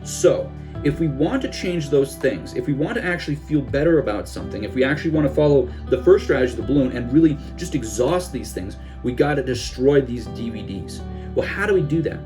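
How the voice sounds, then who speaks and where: A man's voice: mid-range voice, expressive, brisk, over music. A young man, a self-help coach, giving a casual instructional talk and now and then dropping into gloomy voices of the listener's thoughts.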